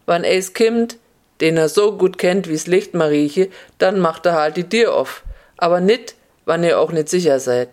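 A storyteller telling a fable in broad Upper Hessian dialect, with a mid-pitched voice. Key words get stretched out slowly for effect, in an unhurried reading. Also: darkish tone.

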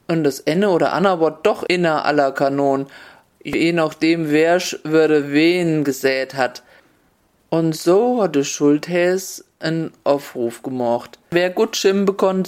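A man's voice: on the high side, darkish tone. Man telling a tale in Upper Hessian dialect. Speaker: storyteller. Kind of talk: dialect folk tale narration.

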